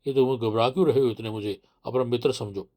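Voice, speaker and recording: A man's voice: medium pitch, steady tone, fast, darkish tone, close to an everyday voice. Man voicing a sly, pushy village man. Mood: coaxing. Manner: coaxing and pushy. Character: sly, insistent village man, fake-friendly. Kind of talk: audiobook character voice.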